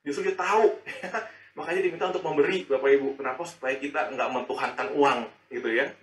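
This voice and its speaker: A man, preaching a sermon in a lively, chatty way full of rhetorical questions. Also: a little high, brisk. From Indonesia. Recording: echoey and distant.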